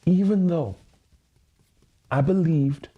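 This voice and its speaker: Heard through a muffled recording, this man's voice is fairly high and breathy, and he takes his time. He's an EFT tapping livestreamer in his thirties who earnestly repeats self-affirmations and swears frequently.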